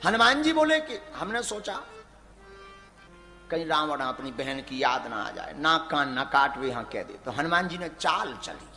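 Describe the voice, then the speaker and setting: A man's voice: fairly high pitch, big pitch swings, unhurried, sharp tone. A man telling a devotional story as a sermon, acting out the dialogue and chanting verses. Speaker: religious storyteller. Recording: echoey hall with music behind.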